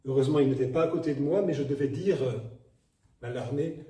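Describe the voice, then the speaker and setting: A man teaching poetry declamation, explaining technique in a demonstrative, animated way and breaking into examples. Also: mid-range voice, brisk. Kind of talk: spoken lesson on verse recitation. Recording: echoey room from a distance, faint noise.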